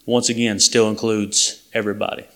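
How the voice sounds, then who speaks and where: A man's voice: fairly low pitch, level tone, brisk. Earnest man preaching a sermon. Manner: earnest, plain-spoken, restarts often.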